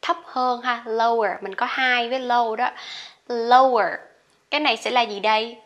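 A woman who speaks Vietnamese as her first language, teaching English pronunciation in a casual online lesson, chatty, saying each example word loudly. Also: on the high side, fairly even intonation, fairly quick, highs cut off.

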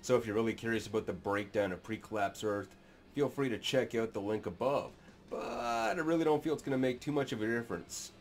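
His medium-pitched voice is gravelly, expressive, and brisk. He's in his thirties, hosts a sci-fi narration channel, and sits in a small room addressing his webcam with crude, sarcastic, mock-serious commentary.

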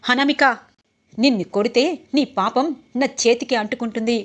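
A woman's voice: a little high, moderate pace, lightly acted. A woman reading the lines of an angry, defiant young man who has been drinking.

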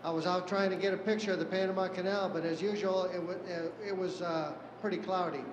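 An older man, an astronaut, answering questions calmly over a space-to-ground radio link, reporting in a matter-of-fact way. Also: sits high, quick pace, lo-fi sound. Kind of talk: live radio exchange with an event stage. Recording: echoey, noisy radio downlink from far off.

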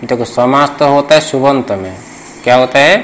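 A man's voice: medium pitch, normal speed, a little hiss or hum, rough recording. A man teaching Sanskrit grammar in a traditional classroom lesson, repeating points and quizzing students for answers.

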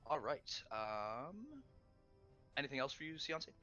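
A man narrating a tabletop game as its game master. His voice is bright and swings all over in pitch. He talks casually, with frequent ums and an occasional curse, over faint background music. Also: very animated, takes it slowly, muffled recording. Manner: casual, swears, many ums while narrating.

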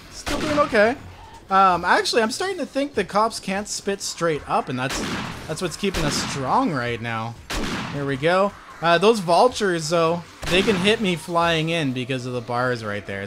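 High-voiced guy hyped up narrating his game for viewers, lots of gunfire going off loud behind him. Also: normal speed, background noise. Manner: excitable, frequent exclamations, addresses viewers. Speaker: gaming video host. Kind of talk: excited gameplay commentary.

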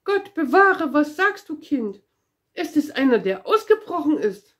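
A woman voicing two frightened elderly ladies in a storybook, shrill and panicky. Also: very animated, moderate pace.

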